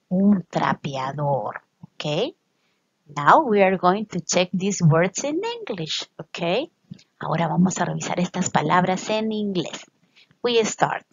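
Breathy woman teacher, slow and lively. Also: medium pitch, no room sound, lo-fi sound. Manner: slow, drawn-out English words, quick Spanish explanations; addresses the children often and checks with a frequent "ok?". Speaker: English teacher. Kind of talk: bilingual lesson for children.

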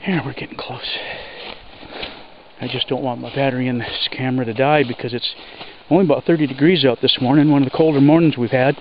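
Homesteader man, plain talk, winded from hiking, lo-fi wearable-camera audio over loud running water. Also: mid-range voice, fairly even intonation. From Alaska. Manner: plain-spoken, breathy from hiking over rough ground. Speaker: homesteader vlogger. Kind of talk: casual walking narration. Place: outdoors in woods by a creek. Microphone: body-worn action camera. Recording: dull lo-fi camera audio, loud creek noise. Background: rushing creek water.

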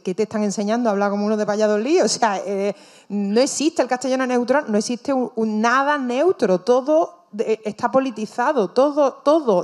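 Firm woman voice teacher on a panel. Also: a little high. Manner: firm, hesitant starts. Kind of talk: panel discussion.

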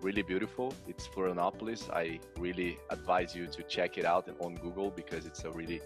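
A man's voice: deep voice, flat delivery, a little fast, over music. A man from Brazil chatting casually on a headset mic about where he lives. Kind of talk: casual video introduction.

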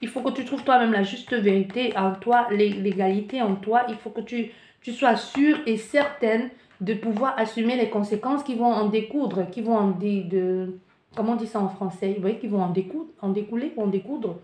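A mid-range female voice at a moderate pace, with a bit of hiss or hum and room echo. The speaker is a tarot reader giving animated spiritual guidance, often restarting or groping for words and acting out the listener's panic in asides.

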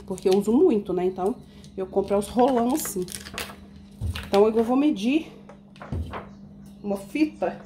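A woman's voice: medium pitch, normal speed, long pauses, warm tone, slight background noise. A woman chatting to her viewers while decorating a cake in her home kitchen, explaining each step. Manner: chatty, addresses viewers as "gente". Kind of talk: casual baking tutorial.

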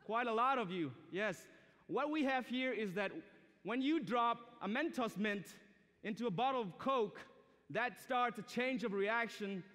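This young adult guest preacher has a very high, fairly bright voice and keeps a measured pace. Originally from Myanmar, with a Myanmar language as his first, he gives students an earnest, polite, conversational sermon in English. The recording comes from a reverberant hall, on the stage of a large indoor auditorium.

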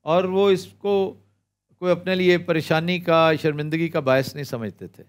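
A man's voice: a little high, steady tone, moderate pace, over loud music. An older man hosting a quiz panel in a TV studio, making dry, sardonic remarks between brief prompts. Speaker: host. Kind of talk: casual chat on a quiz panel. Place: TV studio set.

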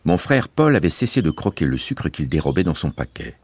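A man reading a novel aloud as a radio serial, in measured, expressive storytelling. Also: a bass voice, husky. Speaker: reader.

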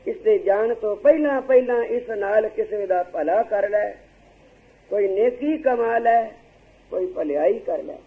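A man's voice: sits high, measured pace. A man, preaching and telling a moral story as a Sikh preacher, acting out the voices of the people in it. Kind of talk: storytelling religious discourse. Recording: tinny phone-like lo-fi recording.

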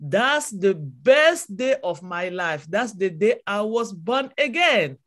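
Speaking slowly at medium pitch, and very animated, this Cameroonian webinar speaker shares a fervent motivational testimony over a video call. She is a native French speaker with a Cameroonian French accent, and her delivery repeats itself in a preaching rhythm.

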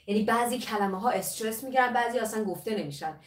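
A woman English teacher giving a lively live lesson, mixing Persian and English and drilling the pronunciation of words. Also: on the high side, far from the mic. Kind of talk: live online language lesson. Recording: roomy echo, voice from off the mic.

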